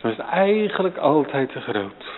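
A man preaching a solemn sermon to his congregation, rising to loud, emphatic peaks. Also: on the high side, big pitch swings, normal speed, big-room sound, narrow, tinny audio. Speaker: pastor.

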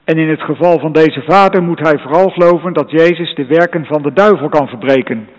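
A man preaching a sermon in a solemn, measured way, repeating his phrases. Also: fairly high pitch. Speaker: pastor. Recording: long reverb, dull lo-fi sound.

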